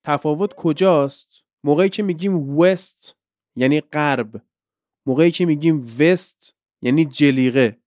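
A man's voice: fairly high pitch, darkish tone, dry recording, clean studio sound. A man hosting a podcast, teaching English pronunciation in a conversational, explanatory way with lots of examples.

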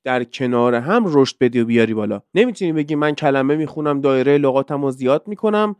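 A man's voice: medium pitch, lively intonation, darkish tone, clean tone, no echo. A man from Iran who teaches English, hosting a casual podcast and explaining things through rhetorical questions.

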